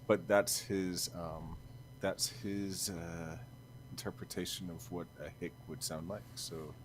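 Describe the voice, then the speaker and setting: A young man co-hosting a podcast, chatting casually in a hesitant, halting way full of fillers and restarts. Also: low voice, fairly even intonation, slight background noise. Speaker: podcast co-host. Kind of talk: casual chat.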